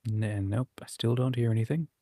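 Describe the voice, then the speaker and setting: A man hosts a writing community livestream, chatting in a casual, informal and encouraging way. His mid-range voice has a dark tone and a normal speed, and the studio recording is clean with no echo.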